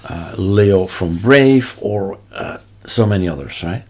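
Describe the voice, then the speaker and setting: A man's voice: low voice, lively intonation, slow, a little mellow. A man from Belgium with a Belgian accent, a non-native English speaker, presenting a casual screencast tutorial in short choppy phrases with offhand asides. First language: not English. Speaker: tutorial host. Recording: noticeable background noise, keyboard clicks and typing. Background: keyboard typing and mouse clicks.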